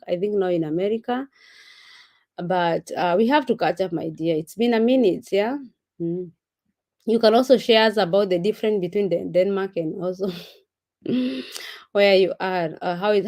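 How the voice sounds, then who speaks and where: Woman, casual live-stream chat, reads viewer comments aloud, mid-pitched voice. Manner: animated, greets viewers by name, mixes in Swahili words. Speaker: vlogger reading live chat.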